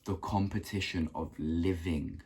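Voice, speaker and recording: Young male vlogger, low husky voice, earnest motivational delivery with a rough throat. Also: fairly even intonation, a little slow, a little mellow. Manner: earnest, repeats himself for emphasis. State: keeps clearing his throat. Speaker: self-improvement vlogger. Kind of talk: motivational talk to camera.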